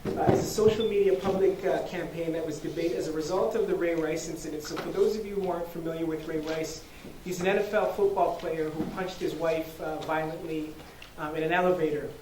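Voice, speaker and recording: In a university lecture hall, a man hosting an event gives earnest opening remarks full of fillers and restarts. His voice is on the high side, steady in tone and a little fast. The sound is echoey, with a distant mic and faint noise.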